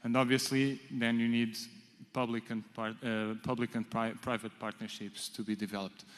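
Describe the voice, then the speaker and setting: A man answering on a conference panel, halting with many restarts and fillers. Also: mid-range voice, little pitch movement. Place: large conference hall. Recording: reverberant conference hall.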